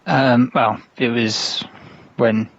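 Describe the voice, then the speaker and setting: A man's voice: mid-range voice, steady tone, very slow, no room sound, dull audio. A man from the UK, a podcast guest, talking in a laid-back, hesitant way with chuckles. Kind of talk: casual podcast chat.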